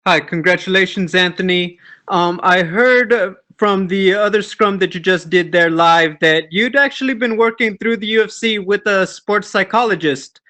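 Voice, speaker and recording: A man's voice: high-pitched, normal speed, bright, forceful tone. A man working as a sports reporter, asking a question at a press conference.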